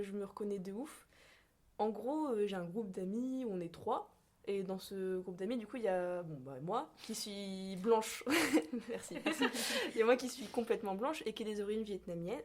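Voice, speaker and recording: A young French woman, a guest on a podcast, chats casually and without a script. She often hesitates, trails off, and fills pauses with fillers while searching for the right words, speaking at an ordinary middle pitch.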